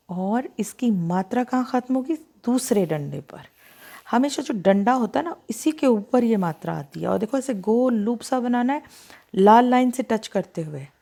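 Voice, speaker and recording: A woman teaching children how to write vowels, speaking slowly and deliberately, drawing out each sound and checking that they follow. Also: a little high, vocal fry, dark tone. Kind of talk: slow, patient handwriting lesson for children.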